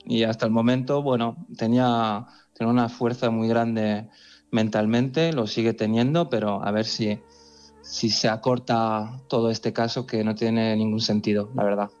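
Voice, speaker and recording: A man's voice: on the low side, steady tone, normal speed, darkish tone, highs cut off. A man from France in his forties, an editor being interviewed on the radio, speaking earnestly with many restarts and repeated words. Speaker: magazine editor in chief.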